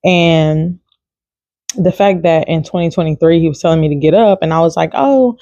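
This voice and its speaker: A woman's voice: deep voice, steady tone, moderate pace, dark tone, no echo, highs cut off. A woman giving a casual devotional talk to camera, chatty and informal, with many fillers and easy laughs.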